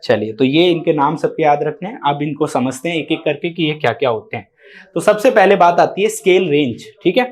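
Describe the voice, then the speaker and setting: Man, high-pitched voice, exam coaching lecture, slow read-out definitions, frequent "theek hai". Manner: explains step by step, often asks "theek hai" and "hai na"; switches between Hindi and English mid-sentence. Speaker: teacher.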